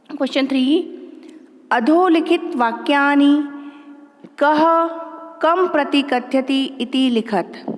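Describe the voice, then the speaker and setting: A woman teacher giving an online lesson to children, patiently drilling words slowly and explaining in a mix of Hindi and English. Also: high-pitched, long reverb tail. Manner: slow, careful word-by-word pronunciation drills.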